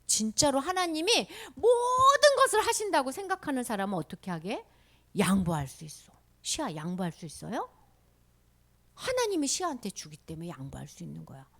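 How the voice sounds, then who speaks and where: Lively woman doing a kids' sermon story, high bright voice, asks questions, whispers sometimes. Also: normal speed. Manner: animated, asking children questions, dropping to whispers.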